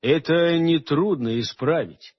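A man's voice: fairly high pitch, slow, slightly rough, dull audio. Man playing a blunt plain-spoken knight. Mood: firm.

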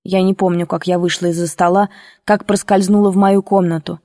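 A woman narrating a first-person audiobook in a measured, emotional storytelling manner. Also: fairly low pitch, little pitch movement, dark tone, no echo, studio quality. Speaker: audiobook reader.

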